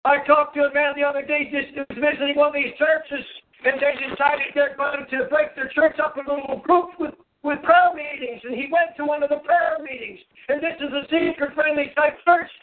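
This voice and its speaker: A man preaching an impassioned sermon as a pastor, with forceful, emphatic declamation. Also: very high voice, fairly even intonation, moderate pace. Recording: narrow, phone-like band-limited sound.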